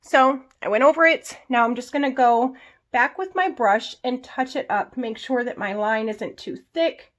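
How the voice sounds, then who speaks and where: A woman's voice: on the high side, moderate pace. A woman vlogger chatting casually through a get-ready-with-me makeup tutorial, explaining each step and adding little asides. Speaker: beauty vlogger.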